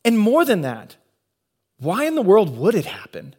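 A man with a high voice preaches a sermon. He speaks earnestly and leans on rhetorical questions, pausing to let points land. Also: huge pitch swings, a little mellow, slightly rough. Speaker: pastor.

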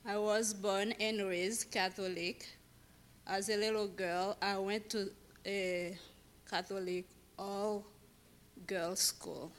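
A woman from Haiti, sharing a personal testimony in church in a halting way, searching for words. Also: mid-range voice, flat delivery, slight background noise. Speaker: church member giving testimony. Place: church sanctuary.

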